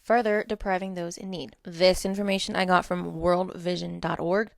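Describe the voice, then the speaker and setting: Her voice sits lowish and creaky, with fairly even intonation at a normal speed, and the sound is studio quality with no room sound. She's a US-based social media content creator with a standard American accent, reading notes for a casual advocacy vlog in a blunt, emphatic, casually profane way and dropping candid asides.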